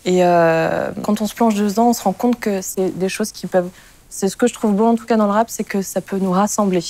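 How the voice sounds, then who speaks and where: A woman's voice: mid-range voice, fairly even intonation, a little fast, warm tone. A woman sharing a sincere, reflective view in a casual group discussion. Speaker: discussion participant.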